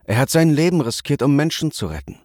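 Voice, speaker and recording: A man's voice: fairly high pitch, big pitch swings, fast talker, darkish tone, dry recording, studio quality, voice pushed up. Brief: male reader as a cheeky young heroine in a storybook, raised and breezy. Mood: teasing. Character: carefree young woman, bold, mocking.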